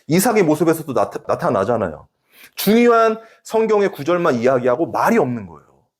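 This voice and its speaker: Male pastor, 40s, sermon delivery: lively swooping pitch, direct questions to the congregation, emphatic bursts and soft drops. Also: fairly quick. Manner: animated preaching, rising emphatic peaks, drops to hushed asides.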